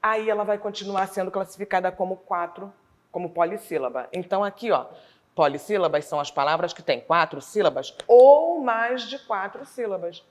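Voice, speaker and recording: A woman teacher from Brazil with a Rio de Janeiro accent, explaining a school lesson slowly and deliberately, sounding out words syllable by syllable. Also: medium pitch, expressive. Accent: Rio de Janeiro Portuguese.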